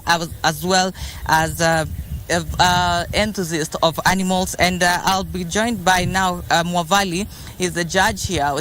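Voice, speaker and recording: A male field reporter with a Kenyan accent giving a live broadcast report, haltingly, repeating and searching for words. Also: high-pitched, a bit bright, a little hiss or hum. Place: livestock show ground, live report.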